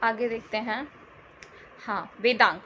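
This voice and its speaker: A woman with a slightly high voice teaches an exam-prep history lesson, taking it slowly, repeating key terms and quizzing her listeners with questions. The audio is slightly dull with faint noise.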